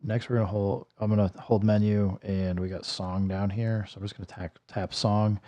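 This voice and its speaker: A music producer streams a casual livestream walkthrough as he builds a track, thinking aloud and correcting himself while slightly losing his voice. His fairly low voice is warm, with little pitch movement, at normal speed. Music plays behind, and the highs are cut off.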